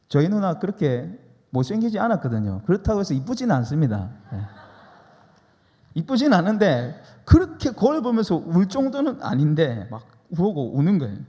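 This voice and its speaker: A man's voice: on the high side, sing-song, moderate pace, warm tone. A man preaching a sermon as pastor, emphatic and leading the congregation in repeating lines. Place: church sanctuary. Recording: long church reverb.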